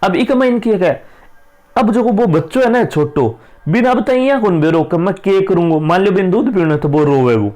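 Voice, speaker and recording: A male teacher with a Rajasthani accent works through exam questions and explains the answers in a casual, chatty exam-prep lesson, mixing dialect with Hindi. His voice sits high with a darkish tone.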